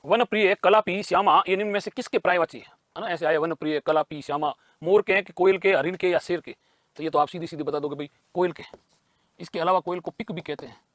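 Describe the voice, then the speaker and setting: A man's voice: sits high, fairly bright tone, no echo. A man teaching a grammar lesson for exam prep. He asks questions and answers them himself, and he repeats key terms.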